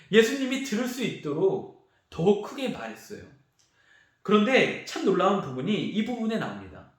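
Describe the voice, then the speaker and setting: A male youth pastor preaching a sermon to teenagers, telling the story with animated energy and acting out the voices of the crowd and the beggar. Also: sits high. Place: large church sanctuary. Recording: very echoey church hall.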